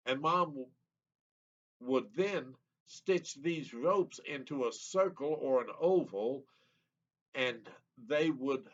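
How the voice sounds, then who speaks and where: A man in his seventies reading his own childhood memoir aloud in an unhurried, reminiscing, plain-spoken way. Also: medium pitch. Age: 70s. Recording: slightly muffled lo-fi recording.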